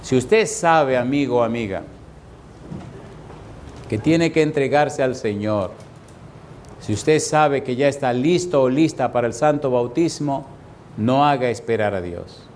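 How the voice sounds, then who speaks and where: A pastor preaching an evangelistic sermon, asking the congregation the same rhetorical question twice and slowing down to stress key phrases. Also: male voice, medium pitch, darkish tone, slight background noise.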